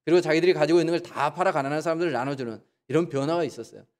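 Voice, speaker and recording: A man preaching a Sunday sermon in a church, asking the congregation rhetorical questions and acting out quoted voices with sudden jumps in pitch. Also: racing. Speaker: pastor. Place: church sanctuary.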